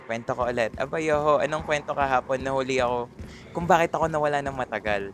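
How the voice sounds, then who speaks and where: A man's voice: medium pitch, fast talker, fairly bright tone, a little hiss or hum. A man with a Filipino accent doing livestream gameplay commentary, greeting chat viewers by name and mixing Tagalog and English. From Philippines. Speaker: streamer.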